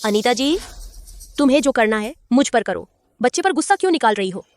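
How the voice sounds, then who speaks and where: An actress dubbing a scheming young mistress with a sweetly fake manner. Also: female voice, on the high side, big pitch swings, brisk. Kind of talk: Hindi dub of a drama.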